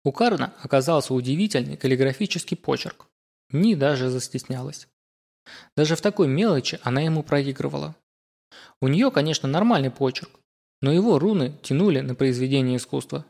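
Male narrator, steady measured scripted audiobook reading at mid pitch. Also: vocal fry.

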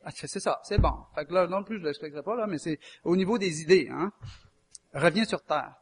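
Folksy high-voiced Québécois preacher. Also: male voice, a little fast, breathy edge. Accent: Québécois French. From Quebec. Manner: folksy, chatty, quizzes the audience. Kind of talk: conversational sermon.

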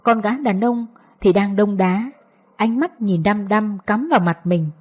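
Female audiobook narrator, mid-pitched, mellow and soft-edged, reading scripted fiction. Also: a little slow.

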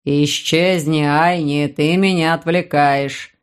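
A woman reading the lines of a calm, grumbling male warlock uncle, lowering her voice and reasoning dryly. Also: slow pace, clear, resonant tone.

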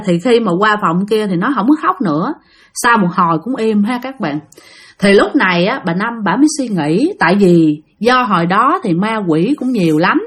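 A woman with a Southern Vietnamese accent tells a ghost story in a chatty manner, speaking directly to her listeners. Her voice is medium in pitch, with a fairly bright tone and a breathy edge.

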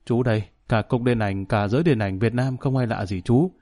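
A man voicing a proud older male filmmaker who feels wounded and insulted, talking in a gruff, indignant way. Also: medium pitch, normal speed, warm tone, natural voice.

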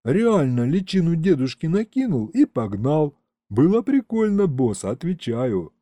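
Brief: eager slangy imp sidekick, bouncy pitch, mellow dry audiobook sound, read by a man. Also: big pitch swings, a little slow, dry recording. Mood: boastful. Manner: street slang, keeps calling him boss. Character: cheeky male imp henchman, slangy and eager.

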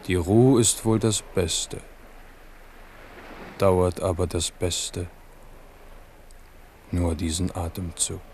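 A man's voice: deep voice, a little mellow, slight background noise. An actor playing a weary, loving, philosophical king in a German radio drama, with solemn, lyrical delivery. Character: King Henri, weary, musing, loving monarch.

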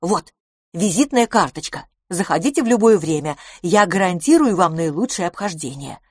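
A woman reading the part of a confident, boastful beauty salon owner in an audiobook, speaking briskly and emphatically. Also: lowish voice, animated, slightly rough, no room sound, clean studio sound.

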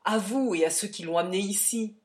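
A woman voicing a gruff, surly young man who grumbles his complaints. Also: deep voice, fairly even intonation, unhurried.

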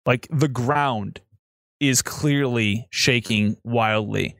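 A man's voice: mid-range voice, extremely slow, a bit bright, dry recording. A man narrating as game master in a casual, rambling way with fillers.

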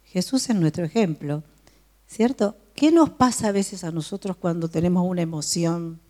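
Woman, Bible study teacher, mellow tone, questions the group often. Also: on the low side, normal speed. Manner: asks the listeners frequent questions.

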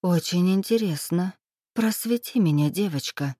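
A woman's voice: lowish voice, unhurried, mellow, no room sound, clean studio sound. A woman reading the lines of a stern, scheming middle-aged club owner in an audiobook, with a cool, mocking, weary manner. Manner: mocking, weary, coolly menacing.

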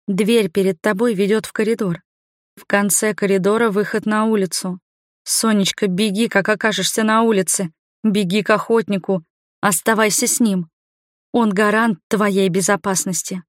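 A woman voicing a quiet, firm older sister who gives reassuring instructions in the dark. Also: mid-range voice, steady tone, normal speed, no room sound, clean studio sound, lightly acted. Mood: urgent calm. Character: calm older sister leading through darkness.

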